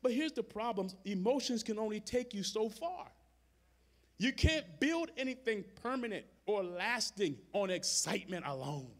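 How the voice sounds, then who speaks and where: A man preaching to his congregation, his voice sitting high for a man and swinging widely up and down. He talks plainly to the room, calls out to the people in front of him, and drives his points home by repeating phrases in a steady rhythm. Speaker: pastor. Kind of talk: sermon. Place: church sanctuary, live service.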